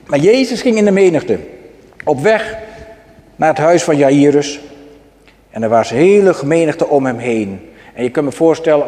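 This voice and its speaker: A man preaching a sermon to his congregation. He asks them questions and moves between loud exclamations and soft asides. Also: medium pitch. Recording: long hall reverb.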